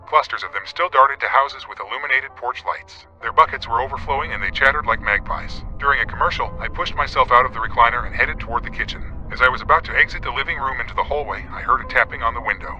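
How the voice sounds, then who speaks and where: A man narrating a scripted horror story in a quick, steady delivery. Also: mid-range voice. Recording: dull lo-fi recording.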